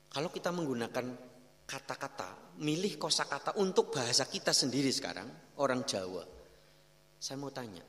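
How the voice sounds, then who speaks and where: A middle-aged man with a Javanese accent, a kyai preaching and telling stories in a lively way. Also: medium pitch. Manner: lively storytelling, mixing in Javanese phrases. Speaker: kyai teaching a religious study. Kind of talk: sermon. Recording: long hall reverb.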